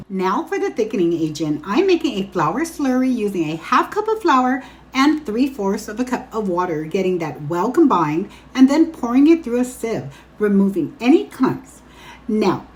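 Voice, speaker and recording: A woman from Guam hosting a home cooking show, narrating a recipe in a chatty, instructional way and speaking straight to viewers. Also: fairly high pitch.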